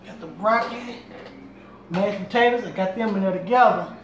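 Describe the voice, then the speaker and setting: A man's voice: high voice, normal speed, recorded from a distance. A middle-aged man hosting a casual home cooking demonstration, chatting and repeating himself as he works around a small kitchen. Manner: talks while moving around the kitchen. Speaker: home cooking show host. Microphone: camera on tripod across the kitchen. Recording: roomy sound from a camera across the kitchen, noisy. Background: clatter of pots and dishes.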